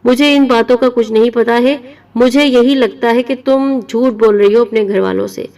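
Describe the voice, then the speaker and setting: A woman's voice: a little high, fairly even intonation, recorded from a distance, close to an everyday voice. A woman doing a harsh scolding aunt. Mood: threatening. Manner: scornful, accusing, shouting.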